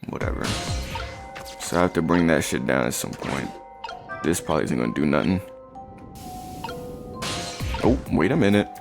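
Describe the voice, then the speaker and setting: A man's voice: a bass voice, lively intonation, normal speed, vocal fry, long pauses, music in the background. Crude joking young gamer man. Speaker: gamer streamer. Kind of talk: casual gameplay commentary and reading dialogue.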